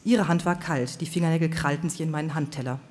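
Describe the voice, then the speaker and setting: A reader narrating a novel passage aloud at a live reading, measured and expressive, at a middling pitch. A long reverb from the hall trails behind each sentence. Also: slight background noise. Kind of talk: literary reading before an audience.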